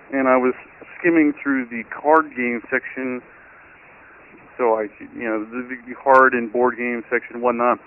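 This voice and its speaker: Man caller, over the phone, tinny narrow line, chatty and amused, mid-pitched voice. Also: a little hiss or hum.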